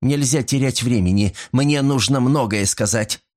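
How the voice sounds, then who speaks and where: A man voicing a cold, scheming young woman who speaks in a deliberate, icy way, in a storybook reading. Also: medium pitch, lively intonation, a little mellow, pitched above the performer's own voice, natural voice. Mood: coldly menacing.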